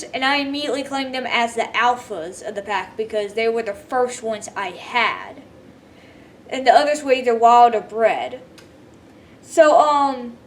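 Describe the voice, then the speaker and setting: A woman telling a rambling gaming story in a sleepy, casual way, laughing often as she goes. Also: high voice. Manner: rambling, laughs often, quotes others in voices. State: sleepy, yawning. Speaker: gaming vlogger.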